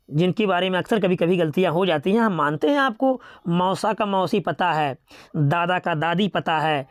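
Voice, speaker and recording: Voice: mid-range voice, dry recording, clean studio sound. A teacher giving a grammar lesson, steadily reading out word pairs and often stopping to remind students to remember them. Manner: steady, methodical listing with repeated reminders to remember.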